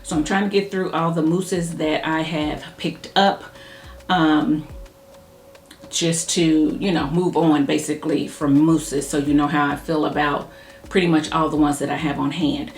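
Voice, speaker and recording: A woman chatting casually as she reviews a hair product, talking fast and thinking aloud while she styles her hair. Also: low-pitched, little pitch movement. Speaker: hair care YouTuber. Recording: echoey room with faint music.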